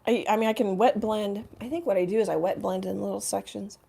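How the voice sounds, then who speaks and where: A middle-aged woman chatting through a live painting lesson in her home studio. Her voice is husky and hoarse, with frequent throat-clearing and quick apologies. She talks at an easy, everyday pitch. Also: steady tone, mellow. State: hoarse from coughing, frog in throat. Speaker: painting instructor. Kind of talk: casual live painting chat.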